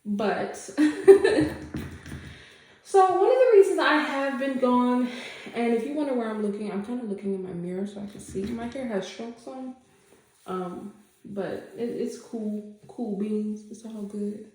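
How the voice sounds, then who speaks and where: A woman's voice: on the high side, lively intonation, a little slow, darkish tone. Chatty congested woman in an echoey room. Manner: chatty, rambling with many fillers. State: congested, stuffy nose. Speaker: vlogger. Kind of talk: casual update chat. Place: home room. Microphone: camera.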